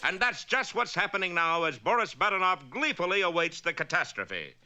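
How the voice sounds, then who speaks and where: A man playing an arch, excitable cartoon narrator with a melodramatic announcer delivery. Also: high-pitched, a little fast, full character voice. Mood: melodramatic, brisk. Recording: faintly noisy 1960s soundtrack.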